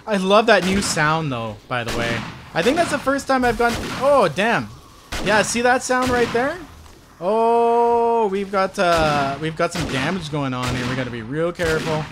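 A man hosting a gaming video, giving excited gameplay commentary full of exclamations and talking straight to his viewers. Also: sits high, measured pace. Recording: loud gunfire and game noise behind.

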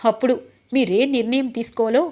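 A woman's voice: fairly high pitch, fairly even intonation, a little fast, warm tone, lo-fi sound, natural voice. A woman voicing an angry young man who has been drinking and accuses his wife in front of the family. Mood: accusing. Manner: indignant, accusing.

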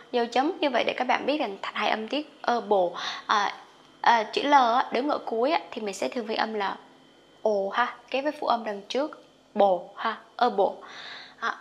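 A woman's voice: on the high side, a bit bright. Chatty Vietnamese woman teaching English sounds. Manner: chatty, lots of sentence-final particles; drawn-out model words when demonstrating. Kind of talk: casual online lesson.

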